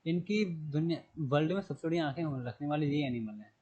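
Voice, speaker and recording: A man teaching a recorded general knowledge class. His voice sits a little high and has a husky edge. He repeats each key term, asks the class questions and answers them himself, and spells words out slowly letter by letter. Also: animated, a little mellow, low-quality recording.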